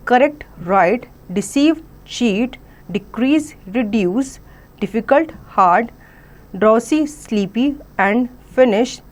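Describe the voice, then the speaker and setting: A woman teacher gives a vocabulary lesson for children. She reads word lists out one by one and then explains each in Hindi mixed with English. Her voice sits fairly high, and she takes her time over every word.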